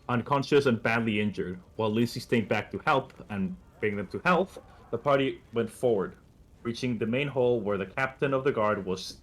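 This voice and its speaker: A man's voice: mid-range voice, a bit bright. A man recapping and running a tabletop game as game master, explaining the rules patiently.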